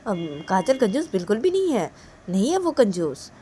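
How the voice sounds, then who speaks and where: A gentle young woman, voiced by a woman storyteller, talking quietly and soothingly. Her lively voice stays hushed and pleading. A faint hum lies beneath. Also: on the high side, moderate pace, voice pushed up.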